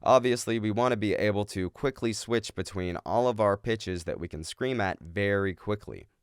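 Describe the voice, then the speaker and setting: A man's voice: lowish voice, normal speed, clear, resonant tone, no room sound, studio quality. A man giving instructional explanations as a vocal coach. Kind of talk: instructional explanation of screaming technique.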